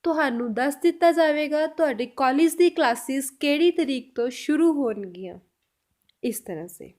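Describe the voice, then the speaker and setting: A woman teaching a spoken language lesson, saying each example sentence slowly and repeating it before she explains it. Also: sits high, expressive, darkish tone.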